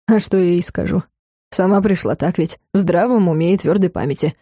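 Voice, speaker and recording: This is a level-headed, dry-witted father questioning his grown son, read out by a woman narrator. The voice sits low and dark, with a calm, faintly teasing manner. The sound is close and dry, as in a storybook reading. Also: brisk, no room sound, close to an everyday voice. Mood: calm, ironic. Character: dry-witted middle-aged male father, calm and probing.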